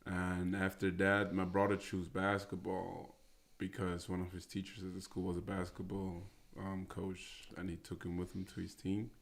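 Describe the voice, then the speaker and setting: A young Austrian man in his 20s, an American football player, appears as a guest in a casual interview. His very deep, gravelly voice stays flat and even in pitch, and he speaks haltingly with many fillers and restarts.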